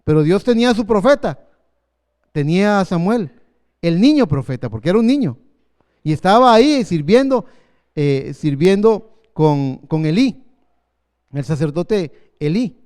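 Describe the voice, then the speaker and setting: A man in his fifties preaching a sermon as pastor, earnest, slowing down for emphasis. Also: sits high, animated, a little mellow, clean tone. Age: 50s.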